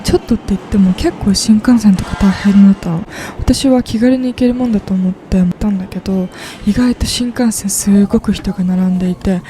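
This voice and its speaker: A woman's voice: medium pitch, brisk, hardly any pauses, warm tone, slight background noise. A woman in her twenties chatting casually in a vlog voice-over, upbeat and gushing about things she loves. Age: 20s. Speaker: vlogger. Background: background music.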